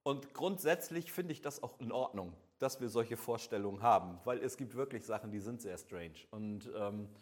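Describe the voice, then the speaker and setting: A man's voice: fairly low pitch, moderate pace, hardly any pauses. A middle-aged man preaching a sermon in a conversational way, asking the listener direct questions and acting out the voices of imagined people.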